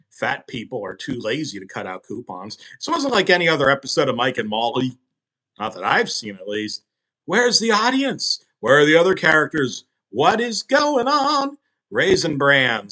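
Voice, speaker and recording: A man's voice: medium pitch, sharp tone. A man narrating a parody creepypasta with crude, sarcastic, profane asides.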